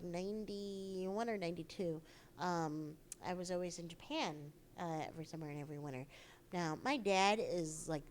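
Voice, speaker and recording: A woman with a slight cold, chatting as an interview guest, bubbly and excitable with lots of fillers. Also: on the low side, slight background noise. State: has a cold. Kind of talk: convention interview chat.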